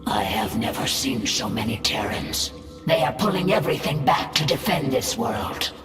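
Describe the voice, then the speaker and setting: An actor playing a grave, proud insect alien swarm commander in a video game, speaking slowly with solemn menace. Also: male voice, medium pitch, big pitch swings, fairly bright tone, faint music behind. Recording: very echoey, distant hall.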